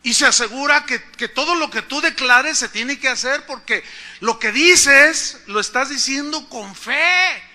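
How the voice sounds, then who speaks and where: Bright-voiced preacher. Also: male voice, very high voice. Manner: animated storytelling, emphatic. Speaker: pastor. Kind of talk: sermon.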